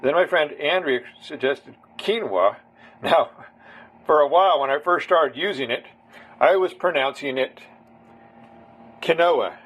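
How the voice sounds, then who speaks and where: Man, husky voice, home cook, casual recipe walkthrough, rambling and chatty. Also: a little high, moderate pace, fairly bright tone. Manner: rambling, chatty, talks to viewers directly. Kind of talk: casual cooking demonstration.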